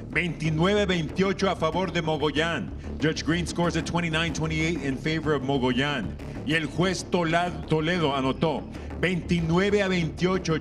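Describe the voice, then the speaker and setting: A man's voice: on the high side, background noise. A man doing bilingual fight ring announcing in a dramatic lucha libre style, switching between Spanish and English and stretching out names. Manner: drawn-out, rising calls of names.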